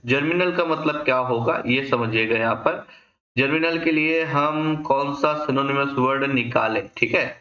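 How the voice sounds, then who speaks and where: A man teaches vocabulary for an exam, posing questions and then answering them himself. His voice is bright and forceful. The recording sounds roomy and slightly dull. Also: medium pitch, unhurried. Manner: explains in Hindi mixed with English, asks and answers his own questions; frequent checking tags like "thik hai". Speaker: English teacher. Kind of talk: exam-prep vocabulary lesson. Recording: echoey room, dull lo-fi sound.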